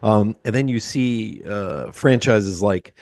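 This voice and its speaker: A man's voice: on the low side, takes it slowly, a little mellow, no echo, studio quality. A man in his sixties from Pennsylvania hosts a casual interview, rambling with lots of ums and uhs. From Pennsylvania, USA. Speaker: podcast host.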